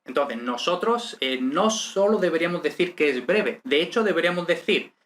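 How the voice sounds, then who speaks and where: A man's voice: a little high, lively intonation, normal speed, a bit bright. A man teaching a lesson step by step, hesitant, with many fillers and checking questions. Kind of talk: step-by-step lecture.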